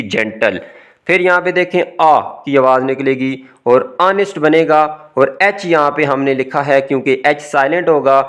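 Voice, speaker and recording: A man, an English teacher explaining a recorded lesson step by step, his voice rising on each new word and dropping to finish it. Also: mid-range voice. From Pakistan.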